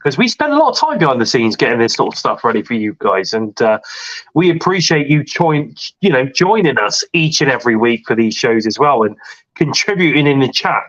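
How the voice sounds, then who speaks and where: On his casual wrestling podcast, the host talks through a cold-induced congestion in a meandering, filler-heavy way. His voice has a medium pitch and a bit of brightness, though the top end of the recording is cut off.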